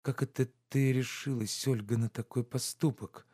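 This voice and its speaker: A man's voice: mid-range voice, steady tone, moderate pace, mellow, slightly rough, no echo, studio quality, lightly acted. A man reading the part of an agitated nobleman urgently ordering his servants about. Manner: urgent, pressing, commanding.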